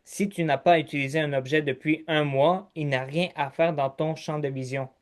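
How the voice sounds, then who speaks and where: A man's voice: on the high side, steady tone, moderate pace. A man with a Québécois accent hosting a podcast, walking the listener step by step through points in casual chat. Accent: Québécois French. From Quebec. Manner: structured, listing steps, talks to listener directly. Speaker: podcast host.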